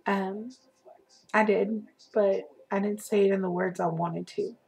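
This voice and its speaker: Brief: young woman, flat and gravelly, halting emotional delivery over a home recording with music. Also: mid-range voice. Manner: hesitant with many fillers, emotional. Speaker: fan. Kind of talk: heartfelt message and poem reading.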